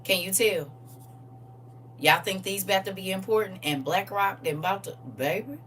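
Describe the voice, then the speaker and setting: A woman in her forties hosting a casual livestream, animated and teasing as she reads viewer comments aloud. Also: medium pitch, normal speed, distant mic, a little hiss or hum.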